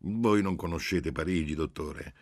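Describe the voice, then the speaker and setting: A man doing a booming jovial agent. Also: measured pace, no echo, clean studio sound. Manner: hearty, booming, familiar. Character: jovial loud male police agent, overly familiar.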